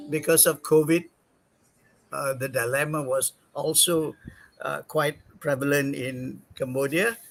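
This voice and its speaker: An older man from Singapore, a guest in an interview, telling his career story in a halting way with many fillers and self-corrections. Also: fairly high pitch, vocal fry, a bit bright, low-quality recording.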